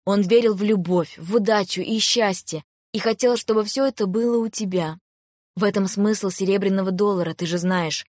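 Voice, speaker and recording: A woman reading the part of a gentle older mother-in-law who speaks slowly and tenderly. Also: medium pitch, no room sound, clean studio sound, natural voice. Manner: tender, slow and soothing.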